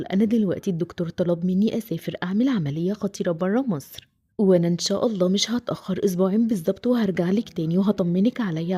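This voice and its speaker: A woman's voice: medium pitch, mellow, breathy edge, natural voice. A woman with an Egyptian accent voicing a loving, ill mother whose letter to her daughter is read out tenderly and reassuringly. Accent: Egyptian Arabic.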